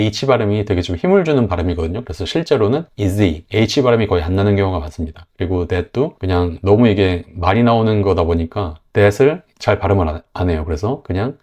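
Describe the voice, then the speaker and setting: A man with a Korean accent explaining English pronunciation in a lesson, slowly demonstrating words and sentences. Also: lowish voice, dark tone. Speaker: English teacher.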